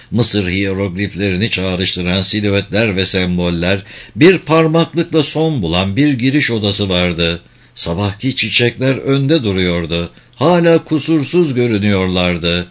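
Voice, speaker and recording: A man narrating an audiobook in a measured, expressive reading voice. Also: on the low side.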